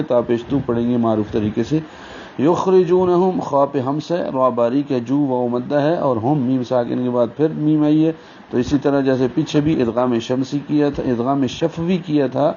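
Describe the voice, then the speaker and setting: A man teaching Quran recitation rules step by step, breaking into slow, drawn-out chanted recitation for each example. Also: medium pitch, mellow. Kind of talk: tajweed lesson with recited examples. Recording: dull lo-fi recording with faint hiss.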